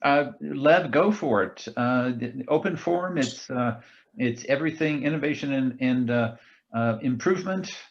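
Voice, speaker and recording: A man's voice: mid-range voice, moderate pace. A man moderating an online forum, filler-heavy and casual. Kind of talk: casual moderation on a video call. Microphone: video call. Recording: dull lo-fi video call audio.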